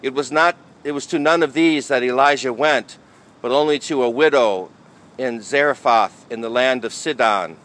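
A man speaking as a priest in a liturgical reading and homily style, with measured, deliberate phrasing. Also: medium pitch, a bit bright. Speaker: priest reading the Gospel and preaching.

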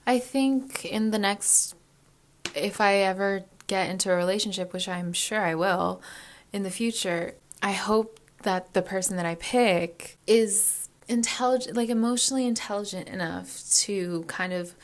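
A woman's voice: medium pitch, measured pace. A woman in her early twenties, chatting candidly to camera as a vlogger, rambling and full of fillers as she thinks aloud. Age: early 20s. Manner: candid and reflective. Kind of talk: casual confessional chat.

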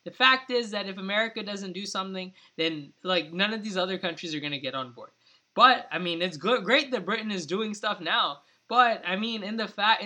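A man's voice: sits high, sharp tone. A man co-hosting a podcast, arguing politics in a heated, rambling way, full of "like" and "I mean". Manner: impassioned, rambling, many "like" and "I mean" fillers. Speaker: podcast co-host. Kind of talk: casual political debate.

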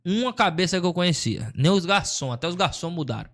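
A man with a fairly high voice rattles through a comic story at a rapid clip. He is slangy and animated, slipping into the voices of the people he quotes. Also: slight background noise. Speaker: comedian. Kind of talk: casual storytelling chat.

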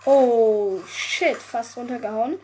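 A young woman giving casual gameplay commentary, excitable, often swearing, groaning and exclaiming. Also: on the high side, slow pace, noisy background. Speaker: gaming video creator.

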